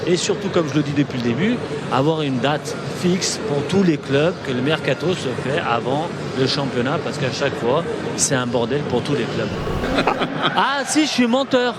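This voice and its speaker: A man's voice: medium pitch, normal speed. A man giving casual football banter as a pundit, speaking outdoors in a stadium. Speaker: football pundit and former player. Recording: loud outdoor stadium noise.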